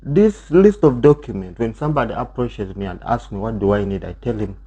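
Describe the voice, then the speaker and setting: A man's voice: on the low side, animated, a little fast, warm tone, a little hiss or hum. A man co-hosting a casual chat, talking easily with frequent fillers and prompting his partner. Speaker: channel co-host. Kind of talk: casual chat about visa steps. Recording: dull lo-fi sound.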